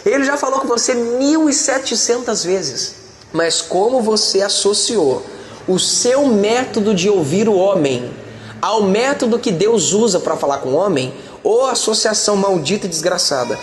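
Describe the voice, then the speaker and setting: A high-voiced pastor preaches with emphatic, colloquial directness, calling out to his listeners as he goes. His voice rings through a roomy hall with a long tail of reverb, faint ambience behind him. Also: lively intonation, normal speed, slight background noise. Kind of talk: sermon.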